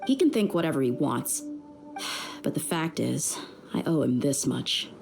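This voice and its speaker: Tough young merc woman, low voice, steady and loyal, game dialogue w music. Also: a little slow, vocal fry, full character voice. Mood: calm. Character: tough young female desert mercenary, resolute and loyal. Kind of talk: video game voice acting. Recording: music behind the voice.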